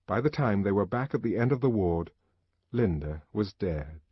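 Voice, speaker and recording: A man narrating a literary novel in a dramatic, expressive reading. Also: on the low side, moderate pace, husky, no echo. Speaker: audiobook narrator. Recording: dull lo-fi audiobook recording.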